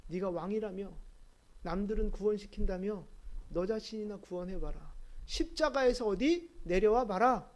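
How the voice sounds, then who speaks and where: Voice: medium pitch, warm tone. A pastor preaching a sermon at a church service. The pastor walks through scripture by asking questions and answering them, and builds to emphatic, insistent points.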